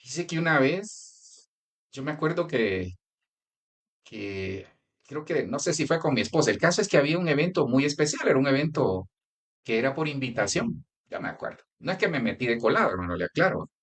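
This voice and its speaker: Male pastor, Colombian accent, conversational sermon delivery, animated swooping intonation. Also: medium pitch, a little fast. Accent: Colombian Spanish. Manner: conversational preaching with anecdotes and direct address.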